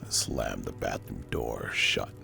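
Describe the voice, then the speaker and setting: A man narrating a scripted first-person horror story as hushed ASMR, with a breathy, gravelly, spooky delivery. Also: very deep voice. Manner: slow, hushed, deliberate and spooky. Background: music.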